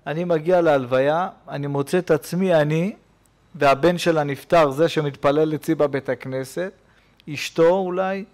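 Animated preaching rabbi, high voice. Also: male voice. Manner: animated storytelling preacher, swings between loud and hushed. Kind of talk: sermon. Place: synagogue.

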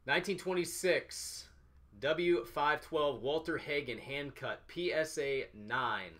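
A man's voice: on the high side, slow pace, fairly bright tone. A man in his thirties hosting an unboxing, announcing each item in short, clipped phrases. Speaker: host of a sports card box-break show. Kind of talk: unboxing commentary, calling out items. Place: small office, indoors.

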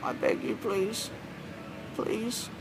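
A man voicing a meek, hard-up Australian bloke in a silly comic redub, halting, mumbling and apologetic. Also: high-pitched, steady tone, music in the background, full character voice, rough recording. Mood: pleading. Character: whiny, meek, hard-up bloke pleading on the street. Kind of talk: silly mismatched comic redub of distant people.

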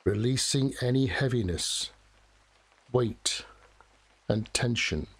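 A man leads a guided meditation in a soft, soothing voice of medium pitch. He speaks very slowly, leaving long pauses between short phrases. Steady rain falls behind him. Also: breathy edge, low-quality recording. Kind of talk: guided relaxation meditation narration.

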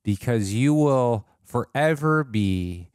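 A man's voice: mid-range voice, lively intonation, slow, a little mellow, clean tone, dry recording, studio quality. A young man co-hosting a reaction show, casually chatting with crude jokes and laughter. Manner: joking, crude banter with laughter. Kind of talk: casual chat.

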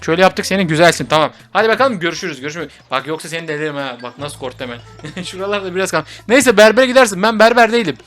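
A young man with a high voice jokes his way through a VR game and teases the characters while he talks to his viewers. Soft game music plays faintly behind him. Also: lively intonation, very fast. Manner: playful, teasing the fruit patients, chatty with viewers. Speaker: gaming YouTuber. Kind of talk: VR game commentary.

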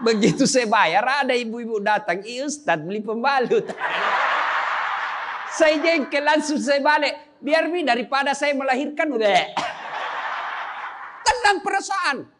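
High-pitched preacher guy, cracking jokes and quizzing the crowd, bit of faint room noise. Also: animated, measured pace. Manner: joking, chatty, quizzes the audience. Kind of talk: humorous sermon to a live audience.

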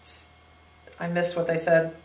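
A woman's voice: lowish voice, monotone, a little fast, darkish tone. A woman acting as a spirit box listener, tersely calling out isolated words, one or two at a time. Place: seated in dim classroom. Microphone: distant camera microphone. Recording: echoey room, distant from microphone.

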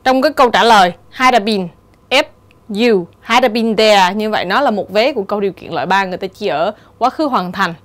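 A woman teacher giving a steady, explanatory exam-prep lesson and reading the answer options aloud. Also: medium pitch, a little fast. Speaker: English teacher.

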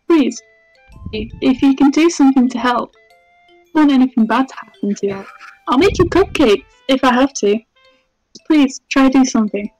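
A woman's voice: high-pitched, moderate pace, a little mellow, no room sound, lo-fi sound, faint music behind. A woman voicing an anxious, pouty teenage schoolgirl from a visual novel, earnest and pleading. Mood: worried, pleading. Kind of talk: visual novel character dubbing.

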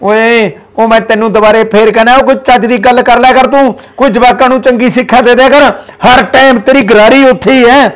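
Stern older village patriarch, played by a man, Punjabi accent, high-pitched scolding. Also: a little fast. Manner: scolding, lecturing. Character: older village father-in-law, stern about family honour. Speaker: father-in-law in a village family.

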